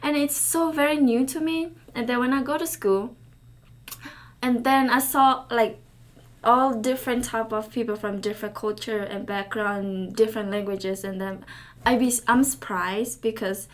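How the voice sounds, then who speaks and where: Being interviewed, this young woman from Thailand, a native Karen speaker, replies in hesitant English and often stops to find the right word. Her pitch is fairly high and her intonation fairly even.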